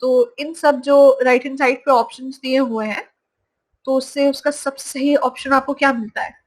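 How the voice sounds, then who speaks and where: A woman teaching English vocabulary from slides, saying each word slowly and repeating it. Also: sits high, fairly even intonation, low-quality recording. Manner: slow, drawn-out pronunciation of each word, repeated. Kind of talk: slide-based vocabulary lesson.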